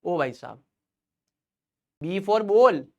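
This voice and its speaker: Young male online tutor, high voice, chatty and joking with his class. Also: animated, slow, muffled recording. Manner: playful, chatty, jokes with students between quiz polls. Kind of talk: live online chemistry class.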